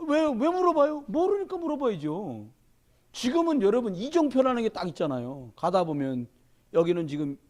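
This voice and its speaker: A middle-aged man preaching a sermon as pastor, telling stories with lively quoted dialogue. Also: high-pitched. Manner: animated storytelling, shouting in quoted dialogue.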